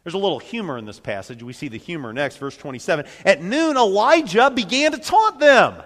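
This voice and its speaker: A man preaching a sermon, reading scripture with dramatic commentary and sudden shifts between loud and soft. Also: high voice, very animated, brisk. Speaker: pastor. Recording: long reverb of a large hall.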